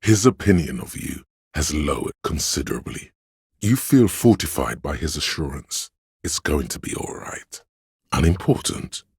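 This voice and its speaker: A man performs a grave, all-knowing inner voice of police camaraderie for a video game, narrating in a solemn, measured, literary style. His extremely low, gravelly, husky voice makes big pitch swings and is heavily acted, and the mood is quietly solemn. The recording is studio quality with no room sound.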